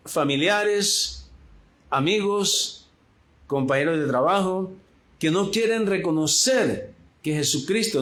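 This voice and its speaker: A man's voice: a little high, a bit bright. A man teaching a Bible study, emphatic and addressing his listeners directly, often repeating himself. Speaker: preacher.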